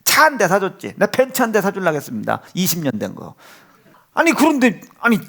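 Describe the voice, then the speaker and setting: A man's voice: high voice, huge pitch swings, fast, creaky, a bit bright. A middle-aged man preaching a sermon as pastor, telling a family story and acting out voices, sometimes dropping to a whisper. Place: church sanctuary.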